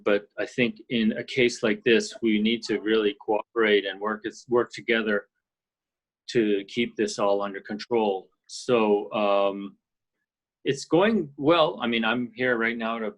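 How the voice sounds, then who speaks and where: A man from Canada speaks in a fairly low, steady voice. He is middle-aged and a guest on a video-call interview. His talk is thoughtful and loose, full of fillers and restarts. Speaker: guest, orchestral percussionist. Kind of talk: casual interview chat. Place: ski and golf resort, indoors.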